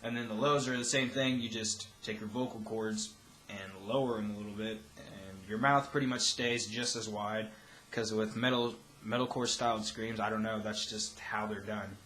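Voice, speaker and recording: A man's voice: on the low side, fairly even intonation, normal speed, a bit bright. A young man giving a casual, loosely rambling tutorial as a vocal instructor. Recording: roomy echo, faint background noise.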